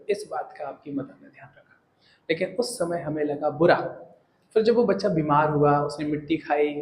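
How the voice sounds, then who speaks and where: Earnest male teacher, echoey room. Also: fairly high pitch. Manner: earnest, animated, addresses students directly. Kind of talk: motivational talk to students.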